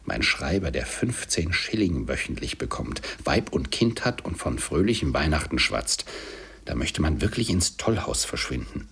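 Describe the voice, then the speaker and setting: A man voicing a stingy, bitter old male miser, gruff and low in an audiobook. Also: normal speed, hardly any pauses. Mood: scornful.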